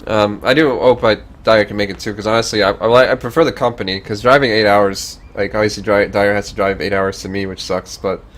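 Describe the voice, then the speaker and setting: A man's voice: fairly low pitch, steady tone, brisk, few pauses, fairly bright tone. A man from Northern Virginia chatting casually on a stream, rambling and swearing freely. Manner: rambling, profane, easygoing.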